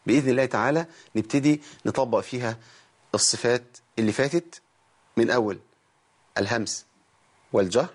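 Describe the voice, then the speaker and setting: A man's voice: mid-range voice, brisk, pauses often, slightly rough. A tired man with an Egyptian Arabic accent, teaching Quran recitation on a broadcast lesson, explaining step by step, demonstrating sounds and questioning his viewers. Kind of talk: televised tajweed lesson.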